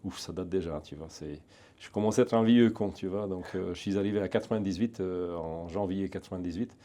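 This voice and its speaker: Deep-voiced Hungarian-accented man. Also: dark tone. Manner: halting, many restarts and fillers, chatty. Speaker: guest, security training center founder. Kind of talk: casual interview.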